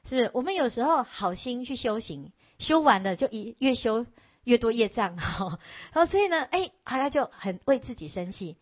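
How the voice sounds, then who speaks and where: A woman preaches a Buddhist sermon in a chatty, storytelling way. Her voice sits fairly high and moves up and down a lot. The sound is thin and tinny, like a phone call. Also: normal speed. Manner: animated, conversational, frequent "ha" tags. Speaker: Buddhist dharma teacher.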